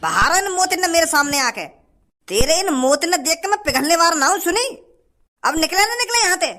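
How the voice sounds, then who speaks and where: A man's voice: extremely high pitch, big pitch swings, brisk, bright, forceful tone, heavily acted. An actor playing a stingy, rude male shopkeeper who scolds and dismisses a beggar in a comedy sketch. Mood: scolding.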